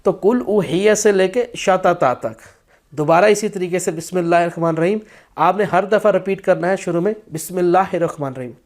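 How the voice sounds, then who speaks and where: A man with a high-sitting voice gives a firm, instructional talk on a spiritual practice, broken up by stretches of slow, chanted recitation.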